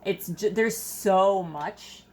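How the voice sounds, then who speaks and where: A woman's voice: medium pitch, slow pace, a little mellow. A woman co-hosting a casual book discussion in an effusive way, peppering her talk with "like". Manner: effusive, heavy use of "like". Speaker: book review co-host. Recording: clear background noise.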